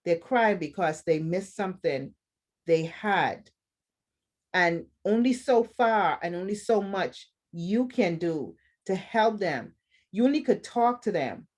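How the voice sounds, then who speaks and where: Bahamian woman host, lower pitch, earnest advice monologue, repeats points for weight. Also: lively intonation, takes it slowly, a little mellow. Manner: earnest, repeats phrases for emphasis. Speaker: podcast host.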